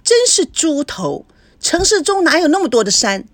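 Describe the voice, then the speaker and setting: A woman voicing a bossy, sharp-tongued young woman who leads the group and scolds them. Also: sits high, big pitch swings, normal speed, no room sound. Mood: bossy scolding. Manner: scolding, commanding.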